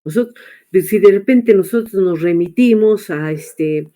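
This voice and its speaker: Woman teacher, slow and mellow, halting lecture with lots of filler pauses. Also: medium pitch. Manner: hesitant, many filler pauses and tag questions. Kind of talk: online class lecture.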